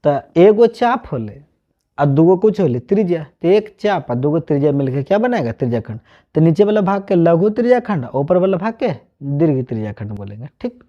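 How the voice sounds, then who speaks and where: A man from Bihar, India, teaches a math lesson online in a fairly high, sing-song voice at a slightly fast pace. With a Bihari accent, he mixes Hindi with Magahi-tinged regional dialect and answers his own questions, all in dull lo-fi sound.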